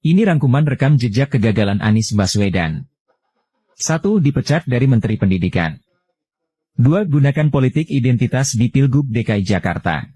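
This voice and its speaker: A man reads out a numbered list in a steady narration. His voice is dark and husky, and his pitch moves lively. He sounds like he is reading from a script. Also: moderate pace.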